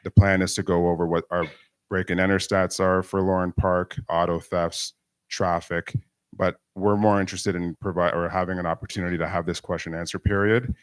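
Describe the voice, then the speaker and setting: A man's voice: low voice, little pitch movement, brisk, clean tone, no room sound. A man, a police superintendent losing his voice, addressing a community meeting in a plain, direct way.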